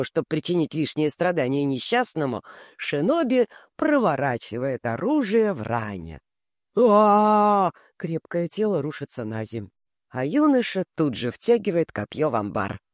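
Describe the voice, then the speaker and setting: Lively audiobook narrator, dry sound. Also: male voice, fairly high pitch, no room sound. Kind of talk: scripted narration.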